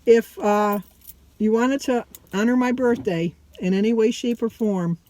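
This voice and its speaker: A woman's voice: on the high side, a little slow, dark tone, a little hiss or hum. A middle-aged or older woman vlogger chatting casually to her viewers, rambling and often breaking off mid-sentence.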